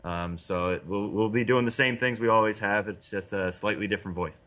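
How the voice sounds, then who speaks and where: A man's voice: lowish voice, steady tone, a little fast, sharp tone. A man co-hosting a sports podcast, giving casual analysis in an easygoing, slightly hesitant explanatory way. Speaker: podcast co-host and baseball analyst.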